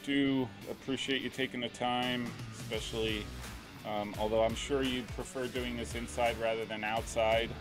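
A man's voice: medium pitch, little pitch movement, moderate pace, over music, rough recording. A middle-aged man hosting an interview over a video call, talking with many ums and restarts into a studio mic with a headset. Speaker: interview host, soccer coach. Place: home room.

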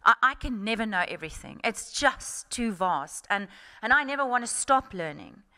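A middle-aged woman with a South African accent, speaking as guest at a festival workshop in a frank, animated storytelling manner. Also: fairly high pitch, moderate pace.

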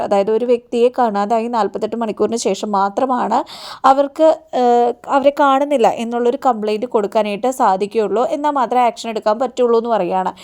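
A woman's voice: fairly high pitch, a little mellow, clean tone. A woman retelling a TV serial episode in a chatty storytelling way, often adding a friendly aside at the end of sentences. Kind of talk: rapid recap narration of a TV serial.

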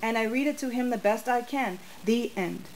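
A young woman from the United States reading her poems at a bookstore into a stand mic, soft and measured, with hesitant spoken asides. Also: on the high side, slight background noise, poor audio. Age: young adult. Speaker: poet. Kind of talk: poetry reading with spoken remarks. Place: small bookstore, indoors. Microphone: stand mic in front of her.

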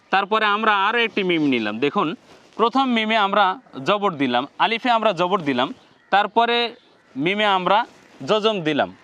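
A high-pitched man with a Bangladeshi Bengali accent leads a slow Quran reading lesson. He repeats every letter sound and calls out to his viewers as he goes. The recording sounds dull and lo-fi. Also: a bit bright. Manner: repeats each sound and addresses viewers directly. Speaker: Quran teacher.

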